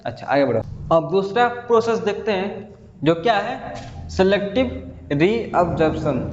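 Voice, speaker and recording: Male science teacher, high voice, keeps checking if students follow; roomy, dull-sounding recording. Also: expressive, normal speed, darkish tone, slight background noise. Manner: repeats questions and checks understanding often. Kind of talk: explaining a school science lesson. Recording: dull roomy audio with reverb.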